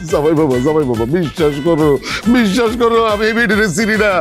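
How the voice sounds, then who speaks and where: A man's voice: high-pitched, animated, quick pace, over music. A man playing a flustered old father-in-law. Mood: pleading. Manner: flustered, begging. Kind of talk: village comedy skit acting.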